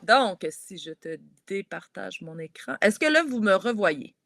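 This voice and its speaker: A woman with a Québécois French accent, a children's author, leading a poetry workshop for schoolchildren over a video call, explaining step by step in a lively, encouraging way. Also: medium pitch, a little slow, vocal fry, no room sound, clean studio sound. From Quebec. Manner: lively, encouraging, explains step by step while talking straight to kids.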